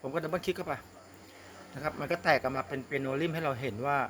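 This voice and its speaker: A man hosting a casual music software tutorial, talking straight to the viewer and often asking whether they see it. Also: on the high side, steady tone, fast talker, a little hiss or hum. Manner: talks directly to viewer, repeats "see?" often.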